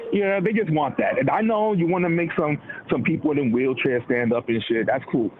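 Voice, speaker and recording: Here a man of Dominican descent, his voice on the higher side and his pace normal, gets animated about politics in casual slang, imitating the people he cites. Noise and a tinny, phone-like quality mark the recording.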